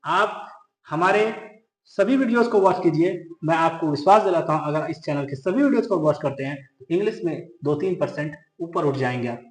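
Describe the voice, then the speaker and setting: A male teacher runs through a grammar lesson with a high, light voice, firing short questions and answering them himself. He slows down to repeat each rule word by word, and the sound rings around a roomy, echoey space. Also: expressive. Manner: drills students with quick questions he answers himself; repeats key rules slowly for emphasis. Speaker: English teacher. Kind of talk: grammar lesson explained in Hindi.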